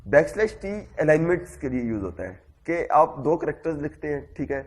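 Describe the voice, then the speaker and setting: With a slightly high voice and big swings in pitch, a man teaches a programming class. His lecture proceeds step by step, and "theek hai," or "okay," follows almost every phrase.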